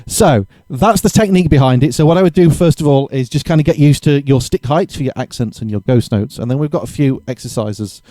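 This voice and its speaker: A man giving a casual drum lesson, chatty and relaxed, correcting himself and counting beats aloud, with drums played between his explanations. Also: medium pitch, fairly quick, few pauses, dry recording. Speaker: drum teacher. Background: drumming between explanations.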